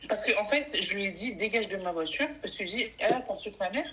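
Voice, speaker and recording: A woman calling in to a live stream, telling about a fight in a rapid, casual way and acting out both sides of the quarrel. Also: medium pitch, animated, a bit bright. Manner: rapid storytelling, acts out the quarrel.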